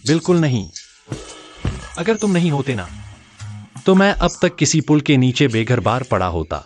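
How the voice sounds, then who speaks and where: An actor playing a poor, sensitive young male writer in a dubbed short drama, expressive and earnest. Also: mid-range voice, moderate pace, soft background music, natural voice. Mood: gentle.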